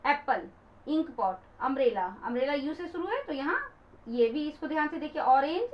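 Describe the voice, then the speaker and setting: A woman's voice: high-pitched, sing-song, normal speed. A woman teacher patiently explaining grammar to viewers, calling them friends and switching into English example sentences. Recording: dull lo-fi recording.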